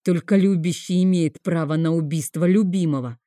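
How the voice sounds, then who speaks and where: A woman's voice: on the low side, normal speed, warm tone, no room sound, clean studio sound, lightly acted. A woman voicing a bitter, sarcastic grieving man in an audiobook. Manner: bitter, biting.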